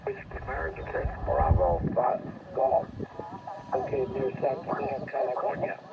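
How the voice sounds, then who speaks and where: An older man, a ham radio operator, heard over a ham radio receiver, calling slowly and repeating himself. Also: mid-range voice, big pitch swings. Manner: slow, repetitive call-sign calling. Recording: muffled, distant radio with static.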